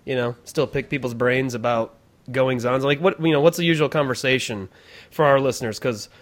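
A man's voice: medium pitch, a little fast. A man hosting a podcast, joking and laughing in casual chat with stammers. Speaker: podcast host.

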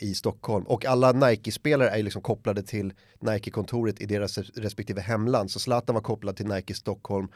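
A man's voice: on the low side, no echo, studio quality. A middle-aged man chatting casually, telling a funny story and acting out the voices of others. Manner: animated storyteller who acts out other people's lines. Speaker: podcast guest. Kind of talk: casual chat, anecdote.

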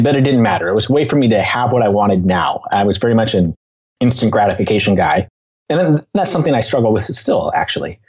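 A man's voice: fairly low pitch, a little mellow, husky. A man talking as a podcast guest, telling stories in an informal, digressive, conversational way. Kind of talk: casual conversational storytelling.

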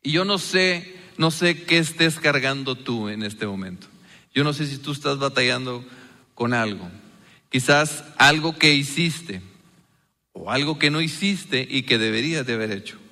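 Bright-voiced preacher in a reverberant hall. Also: male voice, medium pitch, lively intonation, measured pace. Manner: earnest, rhetorical questions to the congregation. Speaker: pastor. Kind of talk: sermon.

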